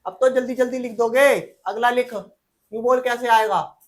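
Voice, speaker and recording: A man's voice: extremely high pitch, fairly even intonation, normal speed. A male teacher giving a casual chemistry lecture, quizzing the class over and over and answering himself in a slangy, teasing way.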